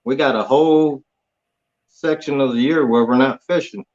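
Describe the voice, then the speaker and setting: A man's voice: medium pitch, normal speed, darkish tone. A man from Hawaii, a guest on a chat show, talking in a laid-back, plain-spoken way with short answers. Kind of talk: casual interview chat. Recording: dull lo-fi audio.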